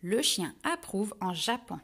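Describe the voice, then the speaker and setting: A woman narrating a children's storybook in a lively, expressive way. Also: mid-range voice, a little slow, breathy edge.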